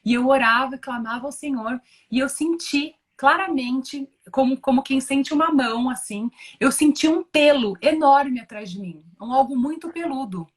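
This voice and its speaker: A woman's voice: high-pitched, moderate pace, hardly any pauses, slightly rough. A Brazilian woman giving an earnest, emotional personal testimony in conversation, often restarting and repeating words as she talks. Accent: Brazilian Portuguese. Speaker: guest giving a religious testimony.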